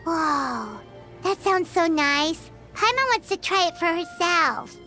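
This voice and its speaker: A woman's voice: animated, slow, sharp tone, full character voice. A woman voicing a tiny floating girl companion who boasts and talks about herself in the third person, in video game dialogue. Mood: excited. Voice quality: high squeaky childlike voice. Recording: game audio with music behind.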